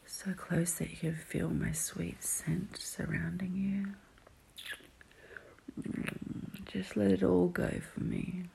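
A woman performing an intimate whispered roleplay audio, teasing and murmuring softly in a low whisper. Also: little pitch movement, slow, creaky, pauses often.

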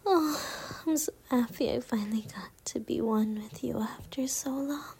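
Woman, ASMR roleplay, breathy close-mic whisper, high voice, unhurried delivery. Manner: soft breathy whisper, intimate and pleading. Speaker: ASMR performer.

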